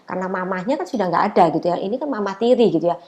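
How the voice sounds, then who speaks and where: A woman's voice: medium pitch, lively intonation, racing, a little mellow. A middle-aged woman giving a casual, chatty testimony sermon at a prayer meeting, telling her story with many fillers.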